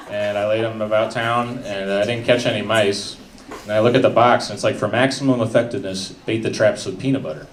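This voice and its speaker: A young man doing a stand-up comedy set with a deadpan, mumbling delivery. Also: lowish voice. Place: comedy club stage with a live audience. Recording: echoey room with background noise.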